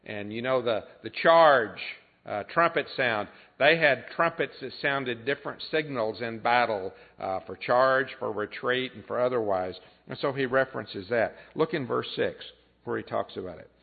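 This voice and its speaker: A man preaching a sermon to his church, explaining scripture plainly and often pausing with "uh" and clearing his throat. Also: medium pitch. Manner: unhurried teaching with frequent "uh" fillers and throat clearing. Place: church assembly. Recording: tinny phone-like sound.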